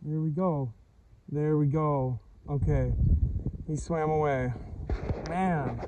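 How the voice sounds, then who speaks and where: Unhurried mellow-voiced man fishing outdoors. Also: on the high side, highs cut off, a little hiss or hum. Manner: talks to himself while handling a fish, excited and breathless at times. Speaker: fishing vlogger. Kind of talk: casual fishing commentary. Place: on a boat on a lake, outdoors.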